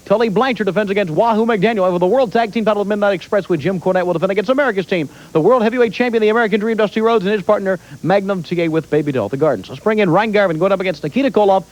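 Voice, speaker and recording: A man's voice: high-pitched, rapid-fire, few pauses, highs cut off. A male wrestling announcer giving an emphatic event promo, reading out a match card.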